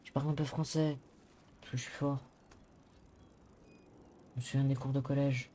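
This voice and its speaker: A man's voice: mid-range voice, level tone, moderate pace, warm tone, close to an everyday voice. A man playing a mild, worried, clumsy Englishman in an online role-play, hesitating in simple, slightly broken French with an English accent. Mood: plaintive, chatty.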